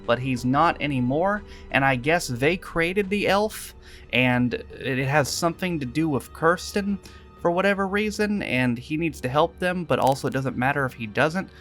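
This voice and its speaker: A man's voice: fairly high pitch, lively intonation, normal speed, fairly bright tone, faint music behind. A man reviewing a film in a sarcastic, profane, exasperated rant. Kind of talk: comedic film review narration.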